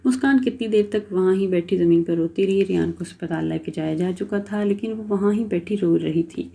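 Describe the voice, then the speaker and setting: A woman storyteller reading a romance novel aloud in a steady, dramatic manner. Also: fairly low pitch, creaky.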